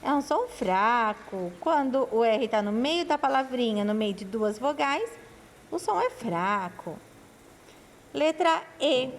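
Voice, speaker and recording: Slow, lively-voiced woman teaching children. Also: fairly high pitch, in a large hall, slight background noise. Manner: sounds out syllables, asks and answers her own questions; affectionate, calls pupils her loves. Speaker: primary school teacher. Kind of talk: slow, patient classroom lesson.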